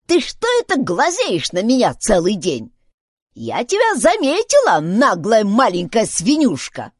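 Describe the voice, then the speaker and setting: A woman doing a slow, scolding, hostile old woman. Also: mid-range voice, huge pitch swings, breathy edge, dry recording, studio quality, exaggerated voice. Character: grumpy old female camp woman, hostile.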